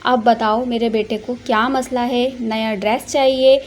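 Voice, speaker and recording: A woman's voice: on the high side, fairly even intonation, unhurried, lightly acted. A woman voicing a doting, indulgent wealthy father who coaxes his daughter. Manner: indulgent, coaxing.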